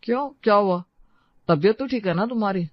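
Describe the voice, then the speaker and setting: A voice actor playing a caring, patient young husband in a cartoon story, speaking gently and coaxingly. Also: medium pitch, a little fast, no echo, close to an everyday voice. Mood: gentle. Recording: dry, slightly dull lo-fi sound.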